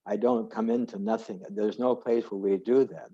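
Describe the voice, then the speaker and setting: A man with a low, mellow voice leads an informal scripture class. He wanders off on tangents and stops to correct himself. His voice comes over a muffled video call line. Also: fairly even intonation, normal speed, breathy edge. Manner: rambling, self-correcting, digressive. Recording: dull lo-fi video call audio.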